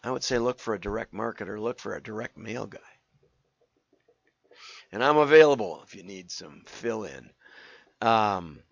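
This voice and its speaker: An older man who has partly lost his voice, hosting a casual talk in a hoarse, rambling, wry way. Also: mid-range voice. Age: older, 60s or above. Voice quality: hoarse, gravelly. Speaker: host and direct marketing consultant. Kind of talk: casual solo show talk with commentary. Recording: roomy, slightly dull lo-fi sound.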